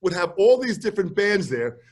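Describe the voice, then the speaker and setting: An older man telling a story over a video call, shouting out quoted lines and mimicking other people's voices. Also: high voice, big pitch swings, brisk, slightly rough. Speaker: drum teacher telling stories.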